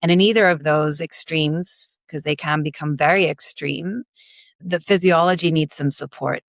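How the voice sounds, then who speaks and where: In a podcast interview, a woman manual osteopath explains her work in measured terms. Born in Belgium and raised in London, she speaks with a blend of American, Belgian, and British accents in a low-pitched voice, on a dry recording.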